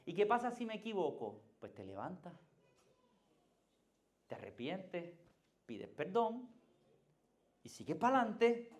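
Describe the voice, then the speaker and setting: A man's voice: high-pitched, big pitch swings, unhurried, long pauses. Puerto Rican male pastor preaching. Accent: Puerto Rican Spanish. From Puerto Rico. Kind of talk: sermon.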